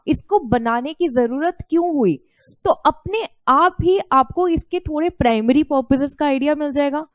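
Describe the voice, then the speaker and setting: Woman teacher, high voice, slow and patient, asks and answers her own questions. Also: no echo. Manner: explains step by step, asks and answers her own questions, mixes Hindi and English. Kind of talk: online lecture.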